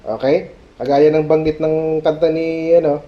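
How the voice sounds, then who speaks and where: A male pastor preaching a sermon at a prayer meeting, animated, mixing Tagalog and English and checking in with "Okay?". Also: a little high, measured pace. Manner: mixes Tagalog and English mid-sentence. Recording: dull lo-fi sermon recording.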